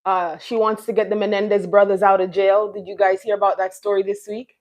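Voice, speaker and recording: A woman's voice: medium pitch, little pitch movement, brisk, a little mellow. A middle-aged woman from Jamaica hosting a casual live chat, rambling and restarting her sentences as she talks to viewers. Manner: chatty, rambling, many restarts and fillers. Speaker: live stream host.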